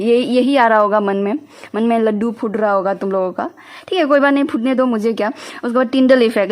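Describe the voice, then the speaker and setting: Young woman, high-ish voice, lecturing in Hindi-mix, quizzes the class herself. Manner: explains in Hindi mixed with English, asks students questions and answers them herself. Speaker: chemistry teacher.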